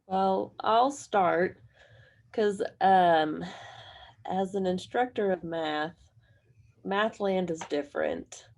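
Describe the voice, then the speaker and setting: A hoarse woman, a math instructor on a panel, answering at length in a rambling, self-deprecating way. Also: medium pitch, takes it slowly, pauses often, a little mellow. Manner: rambling, self-deprecating, chuckles while talking. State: hoarse from allergies.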